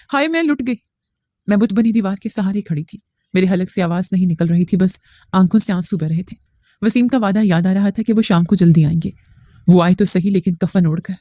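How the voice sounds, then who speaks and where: A woman narrating a first-person family drama story in a steady, somber manner. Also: mid-range voice, no echo.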